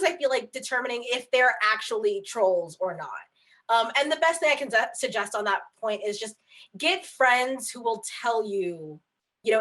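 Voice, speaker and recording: A woman's voice: fairly high pitch, a bit bright. Chatty woman, filler-heavy and frank. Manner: chatty, frequent filler words and restarts; frank, candid. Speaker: guest author. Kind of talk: casual chat on video call. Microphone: video call.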